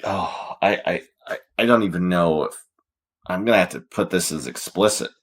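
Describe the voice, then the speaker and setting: A male podcast host with a low, raspy voice. He chats casually but presses his points with emphasis, often tagging them with a quick check for agreement. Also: lively intonation.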